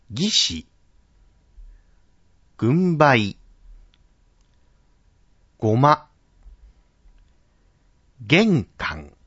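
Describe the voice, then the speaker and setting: Male pronunciation teacher, measured and deliberate, expressive intonation, dull lo-fi sound. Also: medium pitch, breathy edge, dry recording. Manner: slow, careful enunciation of syllables. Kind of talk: Japanese pronunciation drill.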